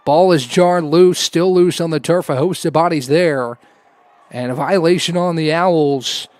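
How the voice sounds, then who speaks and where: A man with a slightly high voice calls live play-by-play of a lacrosse game at an unhurried pace, recorded dry. When goals are scored, he raises his voice to a shout.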